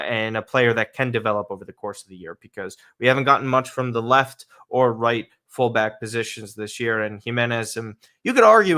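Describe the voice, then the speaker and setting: Male podcast host, slight lisp, medium-pitched voice, casual and emphatic soccer commentary delivered straight to live viewers. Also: bright, forceful tone. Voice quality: slight lisp from dental aligners.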